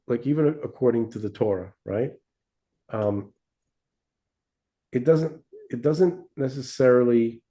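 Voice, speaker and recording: Mid-pitched, with a mellow and dark tone, a male podcast co-host speaks in a casual discussion. He rambles and restarts often, using "right?" and "okay?" to seek the listener's agreement.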